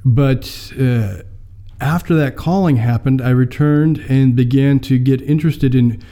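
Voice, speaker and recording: As an interview guest, an American mission mobilizer in his fifties recounts how he came to mission work, telling his personal testimony in a measured way full of fillers. His voice is mid-range and warm.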